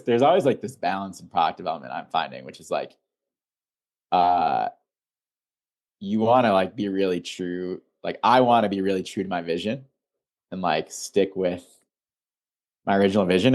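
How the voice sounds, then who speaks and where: A young man from Illinois, a founder being interviewed, talking in a relaxed, rambling way full of "like" fillers. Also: low-pitched. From Illinois, USA. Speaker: founder and guest. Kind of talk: casual interview.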